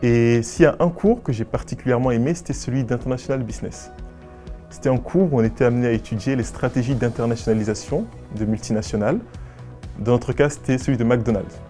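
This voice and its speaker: A nineteen-year-old man from West and Central Africa, a business school student giving formal, measured and articulate interview answers. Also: mid-range voice, mellow, soft background music. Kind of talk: prepared interview answers to camera.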